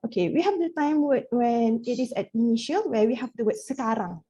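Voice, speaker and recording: Speaking English in an academic presentation, a lecturer from Malaysia, a native Malay speaker, often checks in with listeners using a conversational "right?". Her voice is a little high and warm, with lively intonation and a slightly fast pace.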